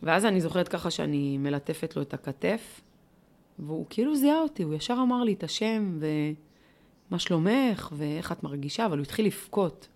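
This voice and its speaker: A woman's voice: lowish voice, sing-song, darkish tone. A middle-aged woman being interviewed, telling a personal story in a heartfelt way, with many rhetorical questions and fillers. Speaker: interviewee, volunteer leader.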